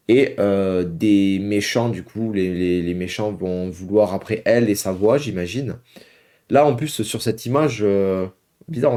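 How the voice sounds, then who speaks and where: A young man speaks in a fairly low, mellow voice while hosting a relaxed reaction video at home. Chatty with his viewers, he calls them "guys." He pauses and hesitates often, filling gaps with filler words.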